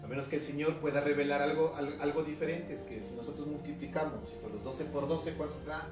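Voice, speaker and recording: A man's voice: on the high side, steady tone, a little fast. Ecuadorian pastor guy preaching, keeps asking the crowd questions, music playing underneath. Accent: Ecuadorian highland Spanish. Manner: conversational preaching, reading scripture aloud, frequent tag questions. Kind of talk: sermon. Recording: echoey room from a distance, music behind.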